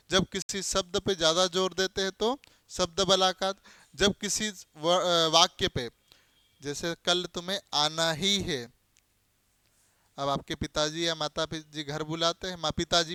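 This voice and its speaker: A man teaching a grammar class in a high, crisp voice. He keeps asking the class questions and then answering them himself, hammering home each key term. The sound is dry and close, with no room around it. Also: bright, forceful tone, no echo. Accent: Hindi. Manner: explains by spelling out letters and giving everyday examples.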